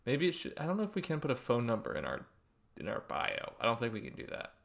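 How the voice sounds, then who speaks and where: A man's voice: mid-range voice, wildly swooping pitch, fast, vocal fry, fairly bright tone. A man co-hosting a podcast in casual chat, teasing his friend and laughing often. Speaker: podcast co-host.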